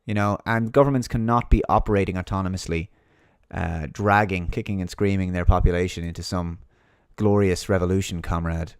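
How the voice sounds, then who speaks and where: A man's voice: low-pitched, steady tone, brisk, hardly any pauses, clean tone, no echo, clean studio sound. A man giving a monologue commentary, reading out an article and mocking his opponents in sarcastic put-on voices.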